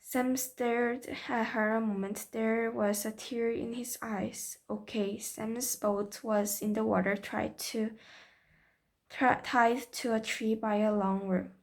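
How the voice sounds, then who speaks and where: A woman's voice: fairly high pitch, fairly even intonation, takes it slowly. A woman, a native Korean speaker, reading a novel aloud in English carefully, correcting her slips. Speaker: reader.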